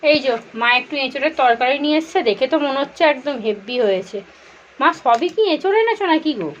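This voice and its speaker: Chatty high-voiced woman vlogging at home. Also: lively intonation, fast talker, lo-fi sound, slight background noise. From India. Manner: chatty, addresses viewers directly. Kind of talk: casual home vlog narration. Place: home kitchen, indoors.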